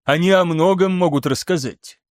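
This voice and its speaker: An animated, theatrical scholar who presses his point with insistent flair, read by a man. The voice sits a little high and sounds close and dry, as in an audiobook reading. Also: moderate pace, no echo, close to an everyday voice. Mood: lecturing excitedly. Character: excitable theatrical male scholar, lecturing.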